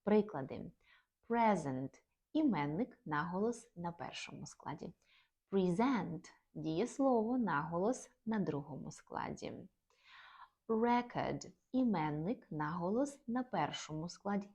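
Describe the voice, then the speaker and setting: A woman giving a scripted lesson on word stress in English pronunciation, saying each example word with deliberate stress. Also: lowish voice, lively intonation, a little mellow, dull audio. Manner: clear, deliberate explanations with stressed example words. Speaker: English teacher.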